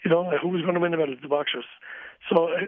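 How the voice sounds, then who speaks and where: A man's voice: a little high, steady tone, racing. A man with a Wexford Irish accent giving a candid, earnest, reflective interview as a sports coach, repeating phrases for emphasis. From County Wexford, Ireland. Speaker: amateur boxing coach, interviewee. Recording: thin phone-like radio line.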